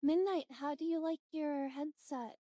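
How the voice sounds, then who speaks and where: A woman with a high voice chats casually on a livestream. She takes her time, rambles and lets sentences trail off, with a dry sound free of room echo. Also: steady tone, a little slow, warm tone. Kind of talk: casual livestream chat and reactions.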